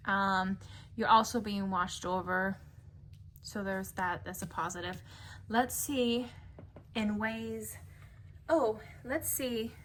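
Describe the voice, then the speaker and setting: A woman's voice: mid-range voice, bright, forceful tone, a little hiss or hum. A woman giving a casual tarot reading to camera, musing and chatty with many fillers. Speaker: tarot reader. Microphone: camera mic.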